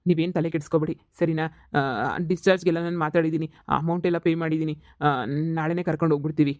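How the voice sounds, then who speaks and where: A man's voice: a little high, fairly even intonation, quick pace, darkish tone, dry recording, clean studio sound, close to an everyday voice. A man voicing a young adult son in a cartoon, firm and reassuring toward his parents. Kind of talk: cartoon voice acting.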